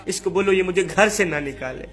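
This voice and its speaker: A man's voice: sits high, fairly bright tone, faint music behind. A man voicing a grieving, mistreated young wife who pleads tearfully and repeats herself. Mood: pleading.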